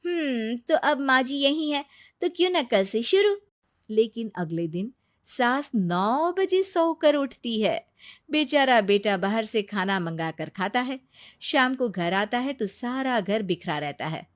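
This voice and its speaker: A woman's voice: fairly high pitch, expressive, takes it slowly. A woman narrating a cartoon story in a plain storytelling manner.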